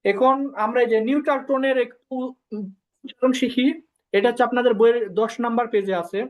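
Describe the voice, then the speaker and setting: A woman's voice: fairly high pitch, a little fast, a little mellow, poor audio. A woman teaching a language class online, explaining step by step and repeating syllables for her students to copy.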